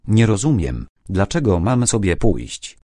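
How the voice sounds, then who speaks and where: A man's voice: lowish voice, very animated, measured pace, dark tone, no echo. A man voicing a tense, wary young male archaeologist who gives short, guarded replies in an audiobook. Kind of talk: audiobook character voice.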